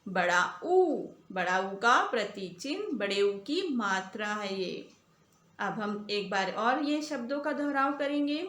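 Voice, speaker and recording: A woman teacher giving a primary school lesson, saying each word slowly and clearly and repeating it for children to echo. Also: mid-range voice, animated, a bit bright. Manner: slow, deliberate, repeats words for children to echo. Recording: echoey room.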